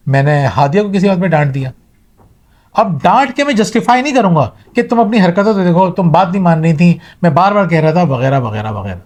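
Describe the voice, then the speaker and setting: A man's voice: fairly high pitch, a little mellow. A middle-aged man giving a motivational talk to viewers, earnest and advising, mixing in English words. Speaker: motivational speaker.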